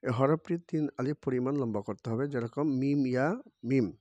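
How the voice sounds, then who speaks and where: A man teaching the Arabic alphabet as a Quran teacher, giving quick explanations and then drawing each letter's sound out slowly and loudly, again and again. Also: mid-range voice, no room sound, lo-fi sound.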